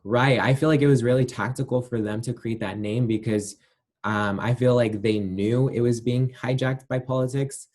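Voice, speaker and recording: A man's voice: mid-range voice, fairly even intonation, moderate pace, a little mellow. A man being interviewed, giving his views in a thoughtful, hedging way with many fillers. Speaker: interview guest. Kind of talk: casual interview answers.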